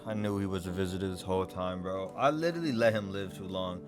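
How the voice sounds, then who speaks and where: A man hosting a gaming video, thinking out loud in casual, slangy let's play commentary. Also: low-pitched, fast talker, music in the background.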